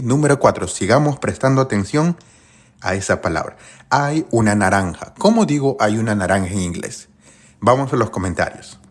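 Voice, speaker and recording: Lively low-voiced male English teacher. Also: husky. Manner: lively, rhetorical questions to viewers. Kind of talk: online grammar lesson.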